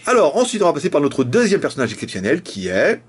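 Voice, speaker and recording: A man's voice: a little high, huge pitch swings, fast talker, heavy background noise. A young man with a casual, jokey manner, reviewing a phone and often laughing. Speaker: tech reviewer.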